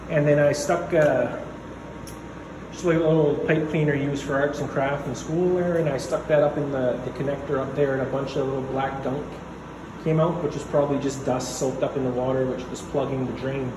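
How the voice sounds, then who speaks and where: The recording is echoey, with background noise, as a DIY renovator carries his phone around a concrete basement and talks through his repairs. His mid-range voice, fairly even in intonation and at normal speed, rambles matter-of-factly with many fillers.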